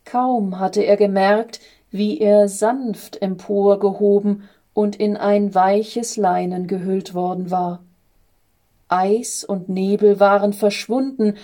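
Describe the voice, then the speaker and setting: A woman reading a Christmas story aloud in a calm, measured way. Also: medium pitch.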